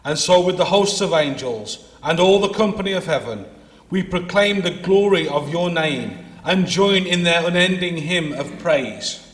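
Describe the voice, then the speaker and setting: A man leading Mass, intoning the prayers in a measured, solemn way, with a cathedral echo around him. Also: high-pitched, lively intonation. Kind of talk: liturgical prayer, partly sung. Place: large church. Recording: long echo of a large church.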